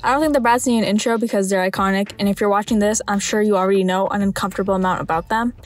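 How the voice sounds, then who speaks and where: A woman's voice: medium pitch, steady tone, rapid-fire. A woman narrating scripted video commentary with dry, wry humour.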